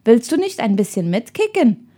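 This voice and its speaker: A woman's voice: fairly high pitch, very animated, normal speed, warm tone. A woman voicing a cheeky boy who teases a bookworm, in a storybook reading. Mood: teasing. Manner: coaxing, teasing.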